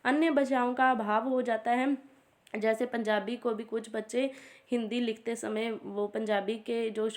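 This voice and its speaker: A woman. She reads points off in a steady run of lists. She breaks the lists with short "theek hai ji" asides. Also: fairly high pitch. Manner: steady list-reading, frequent "ठीक है जी" asides. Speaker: teacher. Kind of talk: exam revision lecture.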